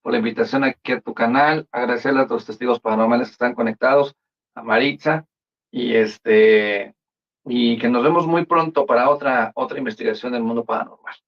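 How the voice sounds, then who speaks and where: A man's voice: mid-range voice, steady tone, a little fast. A man speaking as a guest in a live-stream discussion, hesitant and repeating words as he thinks, over a video call. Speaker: panel guest. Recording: dull lo-fi video call audio.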